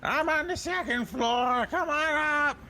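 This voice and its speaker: A game master voicing a wary house owner who speaks through a lion-face door knocker, heard through a closed door and asking curt, suspicious questions. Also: male voice, extremely high pitch, unhurried, bright, forceful tone, slight background noise, voice pushed up, full character voice. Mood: welcoming. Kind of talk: tabletop game character voice.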